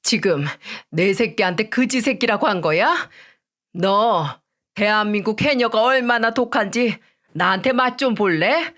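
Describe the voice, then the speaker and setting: A woman's voice: fairly high pitch, fairly bright tone. Woman performing a widowed diver mother, fierce, protective. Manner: fierce, scolding.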